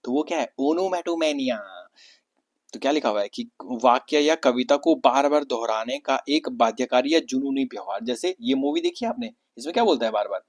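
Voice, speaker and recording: A man's voice: medium pitch, lively intonation, normal speed. A young man from Uttarakhand, India, teaching an exam vocabulary lesson, explaining each word with repetition and rhetorical questions. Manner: explanatory, repeats words and asks rhetorical questions.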